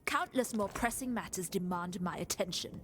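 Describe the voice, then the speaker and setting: An actress playing an impatient, commanding lady in a video game, curt and brisk in delivery. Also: medium pitch, slight background noise, close to an everyday voice. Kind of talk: video game unit voice lines.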